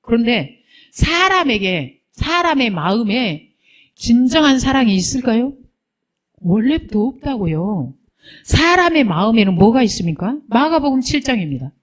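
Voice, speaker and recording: A woman's voice: a little high, big pitch swings, moderate pace. A woman pastor preaching a sermon to her congregation, asking rhetorical questions and teasing her listeners.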